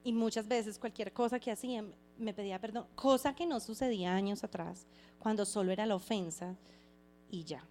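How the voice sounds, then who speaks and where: A woman giving a heartfelt personal faith testimony, reflective and halting, often restarting her phrases. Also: medium pitch, mellow, a little hiss or hum. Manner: earnest and heartfelt.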